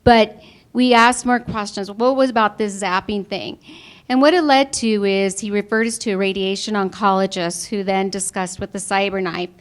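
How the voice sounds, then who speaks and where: A woman's voice: mid-range voice, steady tone, moderate pace. A woman giving an earnest personal testimonial to an audience, her voice sometimes tearful. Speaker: insurance member giving a testimonial. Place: before a live audience.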